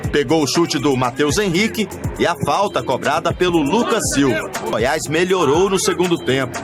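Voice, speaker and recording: A Brazilian man reading scripted football highlights narration. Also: animated, normal speed, music in the background.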